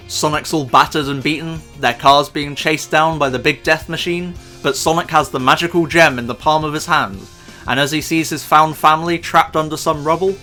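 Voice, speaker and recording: A man's voice: fairly high pitch, sharp tone. A man ranting about a film in sarcastic, profane, exasperated commentary. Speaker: YouTube commentator.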